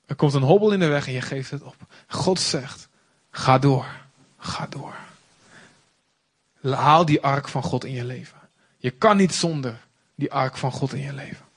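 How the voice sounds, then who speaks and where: A man's voice: medium pitch, fairly quick, breathy edge. A young man from the Netherlands preaching a sermon with passionate, emphatic repetition. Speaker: pastor.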